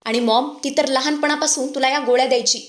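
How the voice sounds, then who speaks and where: A woman's voice: high voice, fairly even intonation, fast, echoey room, close to an everyday voice. Spiteful accusing young sister, read by a woman. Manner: accusing, insistent.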